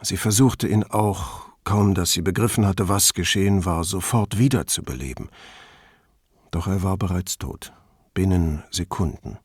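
A man voicing an older male count, grieving and halting, quick to flare up. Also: low-pitched, darkish tone, husky, no room sound, clean studio sound. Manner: halting, heavy with grief.

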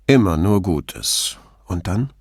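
A man's voice: sits low, sing-song, slow pace, breathy edge, no room sound, clean studio sound, heavily acted. A man voicing a reserved male family doctor who speaks in a neutral, guarded tone.

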